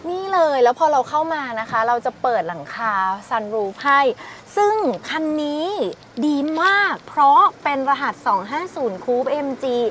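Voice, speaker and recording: A woman's voice: high-pitched, expressive, normal speed, few pauses, fairly bright tone, slight background noise. A young woman giving a chatty, gushing walkaround review of a car and talking straight to the viewers. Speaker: used car sales presenter.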